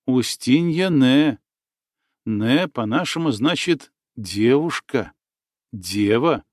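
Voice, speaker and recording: A man reading the lines of a good-natured young forest hunter, gentle in manner and often tacking "да" onto his phrases. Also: mid-range voice, lively intonation, takes it slowly, no echo, studio quality. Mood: shy, admiring.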